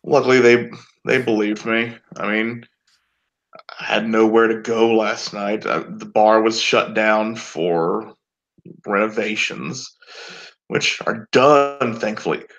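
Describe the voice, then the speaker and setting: A man's voice: on the low side, steady tone, slow, a bit bright. A man voicing a laid-back young man in a tabletop game, a loyal friend who talks casually and says dude a lot. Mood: easygoing. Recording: dull lo-fi audio.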